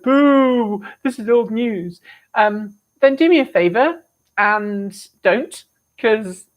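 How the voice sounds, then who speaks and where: Chatty English woman, exasperated asides. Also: medium pitch. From England. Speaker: host of an electric vehicle show. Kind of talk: casual live-stream chat answering comments.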